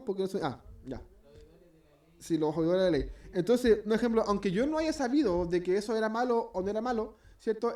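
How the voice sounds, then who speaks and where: A man with a Chilean Spanish accent gives an informal sermon in a church, rambling and hesitant with many restarts, joking as he acts out little scenes. His voice is high-pitched and a little mellow, recorded far from the mic.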